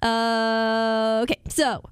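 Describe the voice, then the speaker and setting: A woman with a hoarse voice, co-hosting a casual podcast chat, talking in a chatty, self-deprecating way with dry asides. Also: fairly high pitch, completely flat delivery, extremely slow, no room sound. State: hoarse from illness. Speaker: podcast co-host. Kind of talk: casual chat recapping a reality show. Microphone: studio microphone.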